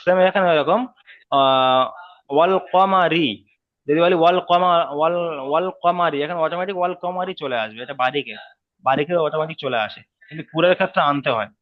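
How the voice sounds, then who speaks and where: A man's voice: on the high side, fast talker, phone-quality sound. A man teaching Quran letter pronunciation in an online class, patiently repeating letters and syllables. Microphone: video call.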